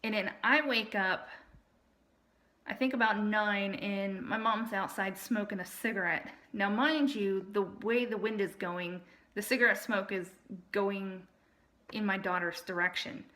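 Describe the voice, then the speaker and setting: Bright, forceful woman telling a personal story. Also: medium pitch, steady tone, a little slow. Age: adult. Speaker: storyteller recounting personal family experiences. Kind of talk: casual personal monologue.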